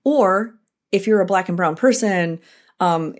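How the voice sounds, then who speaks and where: A middle-aged woman hosting her own podcast, talking through a personal, reflective monologue in an earnest, animated way with frequent asides. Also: mid-range voice, a little slow. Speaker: podcast host.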